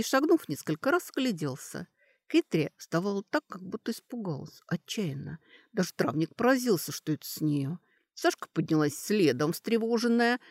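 An audiobook narrator giving an expressive, lively reading of a fantasy novel. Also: mid-range voice, no room sound, clean studio sound.

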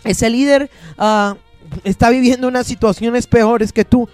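A man pastor delivers a sermon in a high, ringing voice, driving his points home through rhythmic repetition. The recording is close and dry, with faint music playing underneath. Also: fairly even intonation, measured pace, a little mellow, smooth, no echo. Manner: preaching with repetition and emphatic rhythm; quotes scripture, acts out congregants' pleas.

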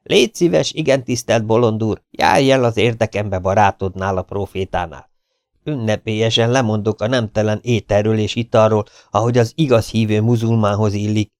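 A man voicing an excitable, easily frightened male camp master who pleads in a high, shrill voice. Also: dry recording, studio quality, natural voice. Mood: pleading.

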